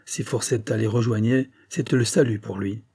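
Husky dark-voiced male narrator. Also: on the low side. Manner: steady, measured storytelling. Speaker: audiobook narrator. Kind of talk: scripted narration.

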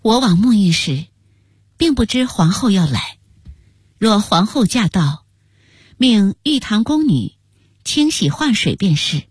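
A woman storyteller voicing a calm, composed imperial consort in her thirties who answers in an even, coolly polite way. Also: on the high side, slow, husky, no echo, clean studio sound, heavily acted.

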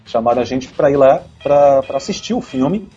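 Male dubbing director, lively pitch, slightly dull recording with faint music. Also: normal speed, husky. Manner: animated storyteller, acts out voices and laughs often. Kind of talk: casual podcast chat.

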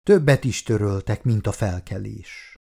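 A fragile, unstable wife read by a man who confides secrets in a hushed, low voice. The tone is dark and gravelly. It is a quiet storybook performance. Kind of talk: audiobook character reading.

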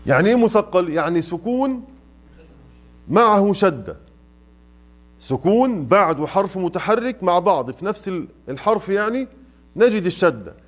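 A Quran recitation teacher with an Egyptian Arabic accent leads a tajweed lesson in a mosque classroom, lengthening his examples and quizzing the class. He has a high voice with lively intonation, speaks at a moderate pace, and pauses often.

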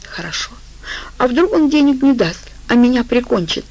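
A woman's voice: a little high, lively intonation, moderate pace, a little mellow, pitched above the performer's own voice, rough recording. A woman voicing a tipsy, frightened middle-aged drunk woman who whines and hiccups. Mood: fearful.

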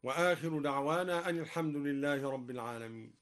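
A man who is a Quran recitation scholar, explaining reading variants in a measured, scholarly way and chanting each verse slowly as an example. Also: on the high side. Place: radio studio.

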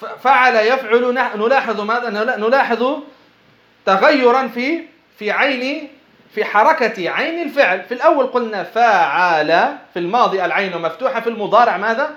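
A man's voice: extremely high pitch, a little fast, a bit bright. A male scholar teaching a lesson and explaining a text, who keeps asking rhetorical questions and answering them himself, often repeating and restarting words. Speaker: Islamic scholar teaching Arabic morphology. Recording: echoey, dull lo-fi sound.

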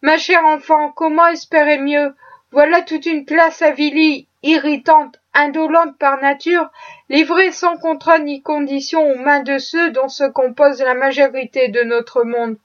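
A woman reading the lines of a weary, cynical gentleman with slow, world-weary reasoning. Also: high voice, level tone, lo-fi sound. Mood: resigned.

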